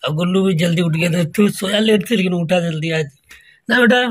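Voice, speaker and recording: Fairly quick and a bit bright, this family vlogger's high voice also has a husky edge. He chats casually from home into a handheld phone, continually treating viewers as friends.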